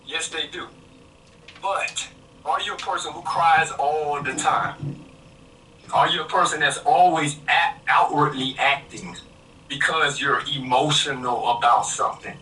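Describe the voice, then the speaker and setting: A man's voice: on the high side, measured pace, bright, forceful tone. A man firmly making his case in a podcast debate, emphatic and lecturing, heard over a remote call. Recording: echoey, distant call with faint noise.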